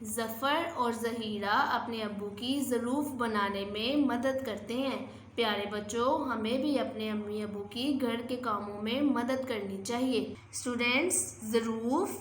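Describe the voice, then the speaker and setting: A woman with a Pakistani accent teaching young children to read, leading slow sing-song call-and-response drills. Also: a little high, a bit bright, echoey room, a little hiss or hum. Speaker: Urdu teacher.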